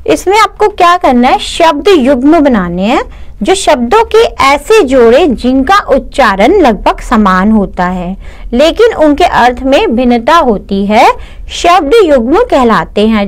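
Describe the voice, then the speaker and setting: A young woman teaching a class of young children, explaining patiently and often asking and answering her own questions, with English words mixed into her talk. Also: sits high. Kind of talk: online class lesson for children.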